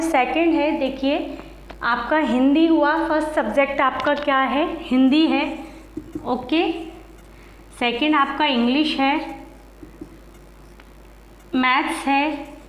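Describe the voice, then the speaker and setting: A woman's voice: high voice, fairly bright tone. A woman teacher giving exam-prep advice in a casual teaching talk, repeating herself and adding fillers like "okay". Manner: repetitive, fillers like "ok" and "theek hai". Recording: echoey room.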